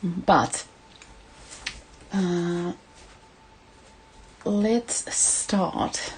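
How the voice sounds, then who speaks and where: A woman with a Finnish accent leads a casual craft livestream in a low-pitched voice. She talks very slowly and gently, pausing and hesitating as she addresses her viewers. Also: fairly even intonation, a little hiss or hum. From Finland. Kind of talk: casual live craft tutorial.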